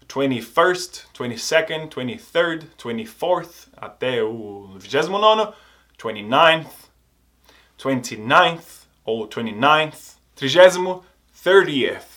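A man's voice: on the high side, a bit bright. A Portuguese-speaking man teaching English pronunciation, saying each word twice and exaggerating the sounds. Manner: models each word twice, over-articulated. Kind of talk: pronunciation lesson.

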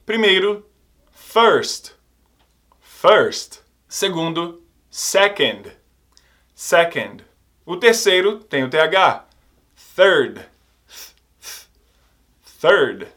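A man's voice: fairly high pitch, fairly bright tone. A Portuguese-speaking man teaching English pronunciation, saying each word twice and exaggerating the sounds. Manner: models each word twice, over-articulated. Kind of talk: pronunciation lesson.

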